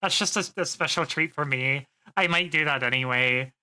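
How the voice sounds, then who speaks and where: A woman's voice: low-pitched, moderate pace, bright, forceful tone, clean tone. A woman streamer chatting casually to her viewers, rambling with plenty of fillers and swearing freely. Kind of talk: casual live-stream chat.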